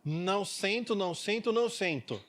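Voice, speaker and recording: Guy putting on a bratty little kid, stubborn and talking back, a bit high. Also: animated, normal speed, fairly bright tone. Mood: defiant. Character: unruly defiant boy of eight.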